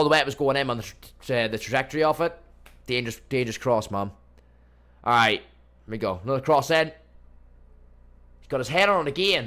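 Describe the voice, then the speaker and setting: Chatty young man streaming a watchalong. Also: mid-range voice. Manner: chatty, addresses chat as boys and mate, bursts into excited match reactions. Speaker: livestream watchalong host. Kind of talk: casual live football watchalong chat. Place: home streaming room.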